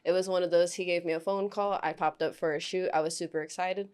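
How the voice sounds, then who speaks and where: A woman's voice: on the low side, fairly even intonation, quick pace, darkish tone, smooth. Chatty young woman from Tampa. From Tampa, Florida. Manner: chatty, lots of "like" fillers. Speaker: podcast guest, model. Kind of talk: casual podcast chat.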